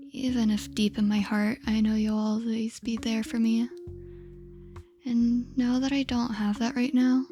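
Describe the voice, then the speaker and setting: A woman acting as an affectionate, lonely girlfriend in a soft, intimate ASMR role-play of a late-night call. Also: on the high side, close to an everyday voice. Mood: tender, longing. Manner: soft, tender, intimate, giggly.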